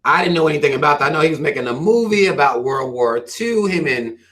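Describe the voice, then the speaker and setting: A Southern American channel host from the Carolinas reads viewer comments during a loose, profane livestream rant, animated and at a quick pace. His slightly high male voice comes across bright, forceful and hard-edged in a blunt way.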